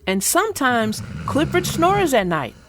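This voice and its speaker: Over music, a woman reads a simple, expressive storybook aloud in a high, unhurried voice. She voices an earnest young girl who talks about her dog.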